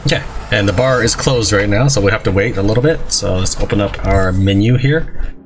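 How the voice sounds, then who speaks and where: A man hosts a gameplay video with casual commentary. His voice is fairly low and he talks quickly. Game noise is clearly heard behind him. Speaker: gaming video host.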